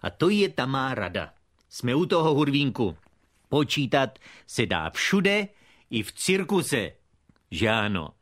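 A man's voice: medium pitch, very animated, fairly bright tone, no room sound, clean studio sound. A man playing a pompous, pedantic puppet father who lectures his son in a comic puppet theatre dialogue. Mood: lecturing.

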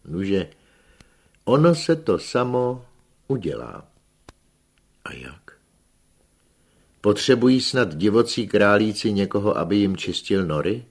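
A self-assured hunchback holds forth about his grand plans in a raised, insistent tone, as a male narrator puts him on. The voice is husky and fairly deep under the lift, with lecturing emphasis on every point. An audiobook reading. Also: sing-song. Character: pompous scheming middle-aged male hunchback rabbit breeder.

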